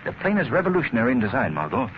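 An actor playing a keen, assured gentleman sleuth, crisp and earnest, in an old radio drama. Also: mid-range voice, wildly swooping pitch, racing. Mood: grave, urgent. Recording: muffled, noisy vintage radio recording.

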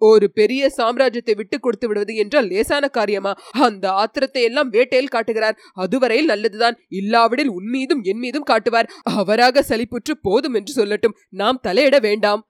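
A woman voicing a calm, measured male warrior. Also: a little high, no echo, studio quality, natural voice. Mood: soothing.

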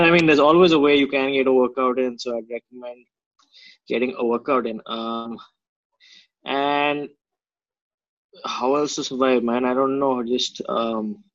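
A man's voice: medium pitch, no echo. A man with an Indian accent, a coach answering interview questions in casual, blunt, slangy speech. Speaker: martial arts coach, interview guest. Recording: dry but slightly dull audio.

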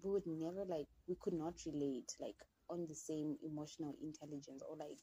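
A woman's voice: sits low, steady tone, brisk, mellow, breathy edge, low-quality recording. A young woman from Zimbabwe hosting a podcast, telling a personal story in a candid, chatty way and speaking straight to her listeners. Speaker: podcast host. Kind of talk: casual storytelling.

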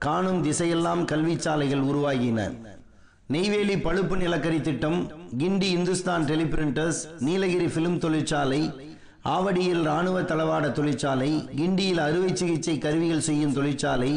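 Higher-pitched man narrating political history. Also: normal speed, creaky, darkish tone, reverberant.

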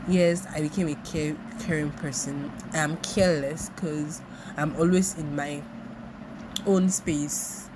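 A young Nigerian woman hosts her podcast solo, her Nigerian-accented, low-pitched voice steady in tone and slow in pace as she rambles reflectively and often repeats herself. The casual monologue has a noisy background.

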